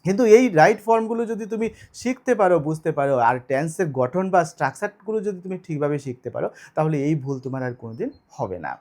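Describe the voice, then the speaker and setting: Man, online English teacher, slightly high voice, asks then answers own questions. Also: expressive, quick pace, a little mellow. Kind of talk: online video lesson.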